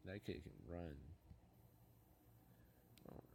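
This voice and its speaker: A man's voice: very slow, noisy background. A young man hosting a gaming channel, opening card packs in casual commentary and muttering dejected complaints about his pulls.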